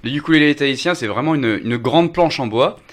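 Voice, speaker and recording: A man's voice: on the high side, brisk. A man co-hosting a music radio show, explaining things to listeners with fillers. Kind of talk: casual radio chat.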